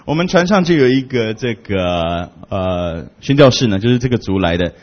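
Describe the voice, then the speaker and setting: A man from Taiwan, a missionary giving a humorous storytelling talk in an animated, joking way. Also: moderate pace, lo-fi sound. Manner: animated, jokey, big swings in pitch and loudness.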